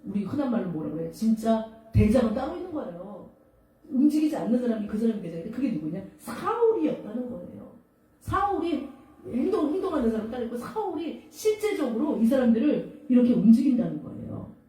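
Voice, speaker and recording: A woman preaches a sermon in a church, telling the story with lively swings of pitch and often asking her listeners questions. Her voice sits a bit high but sounds mellow. The mic is some way off, and the hall makes her voice ring with strong echo. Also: fairly quick. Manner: animated storytelling with rhetorical questions. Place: church sanctuary. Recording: very echoey hall, mic far off.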